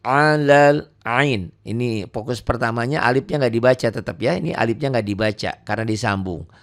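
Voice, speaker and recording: A man teaching Quran reading in a casual lesson, drawing out example words slowly between quicker explanations. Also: creaky. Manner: often trails off soft and low at ends of phrases.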